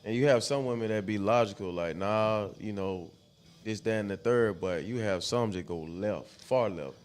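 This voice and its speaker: A man's voice: on the low side, moderate pace. A man, talking in an easygoing, conversational way. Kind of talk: casual chat.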